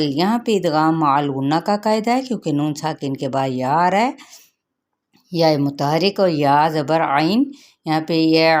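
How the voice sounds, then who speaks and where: A middle-aged woman teaching Quran recitation rules, explaining patiently and asking her students questions as she goes. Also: sits low.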